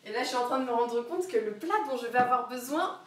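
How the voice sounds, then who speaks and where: High-voiced giggly young woman in an echoey kitchen. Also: lively intonation, fast talker, a bit bright, a little hiss or hum. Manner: chatty, giggly, rambling with many asides. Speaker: streamer cooking live. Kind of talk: casual live-stream chat while cooking. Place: home kitchen. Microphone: camera on a wobbly tripod across the kitchen. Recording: very echoey kitchen, voice far from the mic.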